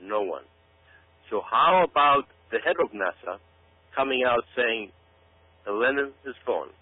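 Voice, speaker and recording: A guest commentator with an animated, mid-range voice speaks a little slowly, with no echo, in an emphatic monologue to listeners that leans on repetition for drama. The audio is tinny and phone-like radio with a hum.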